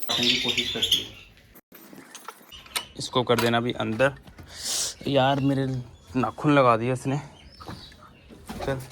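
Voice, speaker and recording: A man's voice: mid-range voice, heavy background noise. Young man chatting casually to viewers. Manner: chatty, addresses viewers as friends. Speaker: vlogger keeping birds and rabbits. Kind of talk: casual vlog narration. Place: outdoor rooftop bird enclosure.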